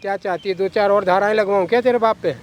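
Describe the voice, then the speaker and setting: A man's voice: high-pitched, fairly even intonation, fast, lightly acted. A man playing a corrupt, coercive lawyer who talks down to a girl in a coaxing, threatening way. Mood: menacing. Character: corrupt scheming male lawyer, menacing and coercive. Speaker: villain in a short film.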